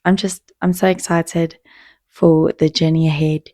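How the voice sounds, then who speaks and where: A woman hosting her own podcast, talking in a heartfelt, reflective way with pauses and restarts. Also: deep voice, little pitch movement, warm tone, no room sound, clean studio sound. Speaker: podcast host. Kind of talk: casual solo podcast talk.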